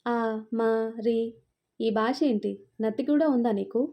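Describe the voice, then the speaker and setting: A woman's voice: fairly high pitch, steady tone, brisk, dark tone, close to an everyday voice. A woman reading the part of a domineering, possessive young man who scolds and threatens. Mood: menacing. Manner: commanding, scolding.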